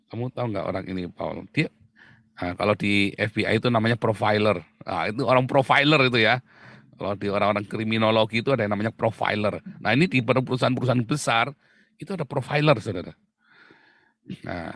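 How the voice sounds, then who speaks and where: A man preaching a sermon in a chatty, lively way, laughing often and calling listeners "saudara". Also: medium pitch, dry recording.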